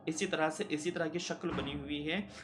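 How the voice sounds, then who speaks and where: A man's voice: fairly high pitch, steady tone, normal speed, background noise. Patient man teaching a Quran reading lesson. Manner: patient, repeats points and asks himself questions. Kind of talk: step-by-step classroom explanation.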